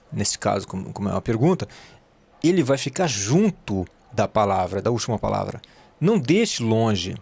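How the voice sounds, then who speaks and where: A Brazilian man with Portuguese as his first language, teaching a casual online English lesson, repeating example sentences slowly and wandering into asides. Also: mid-range voice, a little mellow. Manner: explains slowly, repeats example sentences at a careful drilled pace; rambling asides with fillers.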